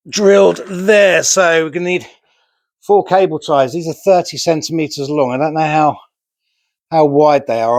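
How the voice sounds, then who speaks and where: A man's voice: medium pitch, no echo. A man casually talking through a DIY build as he works, chatty and self-deprecating, on a remote mic. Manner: chatty, self-deprecating, talks while working with hands. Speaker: DIY vlogger. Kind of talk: casual how-to narration while building.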